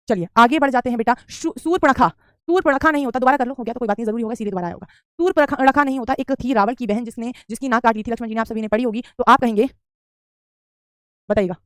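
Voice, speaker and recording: Female tutor: quick, drilling delivery, keeps repeating answers, very dry recording. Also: on the high side, no room sound. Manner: answers student questions, says "beta" often; repeats correct spellings for drill. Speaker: Hindi teacher. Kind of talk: online exam-prep class.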